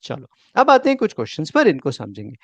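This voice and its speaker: A male teacher leads a spoken-English lesson, repeating phrases slowly and checking after each one that students follow. His pitch rises and falls a lot. The sound is dry and a bit dull and lo-fi. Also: huge pitch swings, gravelly, dry recording. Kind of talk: bilingual Hindi-English lesson.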